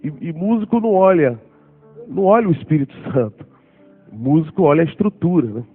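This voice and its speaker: A man's voice: a little high, fairly quick, soft background music. A man, telling his testimony in a sermon and acting out what people said. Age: 40s. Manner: animated storytelling, acting out voices. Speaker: preacher. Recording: tinny phone-like sound.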